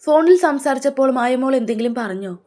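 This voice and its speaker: A widowed mother from a storybook tale, tearful yet dignified, as a woman narrator voices her. Her voice is fairly high and carries quiet resolve. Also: animated, fast talker. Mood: worried. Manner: pleading, then firm.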